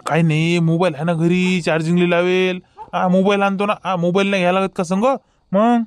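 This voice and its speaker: A man's voice: high voice, flat delivery, a little fast, smooth, natural voice. A man with a Vidarbha Marathi accent playing a confused, protesting village man in a rustic comedy sketch.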